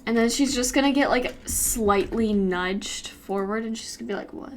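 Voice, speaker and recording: A young American YouTuber giggles a lot as she chats and rambles casually, working on an animation while streaming. Her voice is a little high and moves at a moderate pace, with a bit of hiss or hum in the audio.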